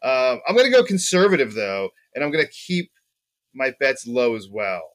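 A man's voice: medium pitch, big pitch swings, moderate pace, a bit bright. A man co-hosting a podcast, chatting casually about racing bets, rambling and joking with lots of ums. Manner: rambling, jokey, many ums. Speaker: podcast co-host.

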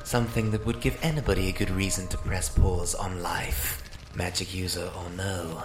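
A man's voice: low voice, fairly even intonation, normal speed, music in the background. A man playing a sardonic, theatrical psychic magic-user, narrating an audio drama with wry mock politeness. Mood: wry, boastful. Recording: roomy echo, faint noise.

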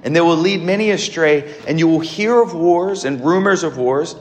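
A man's voice: on the high side, moderate pace, echoey room, slight background noise. A man preaching a homily as a priest, explaining in a conversational way with rhetorical questions and short emphatic phrases.

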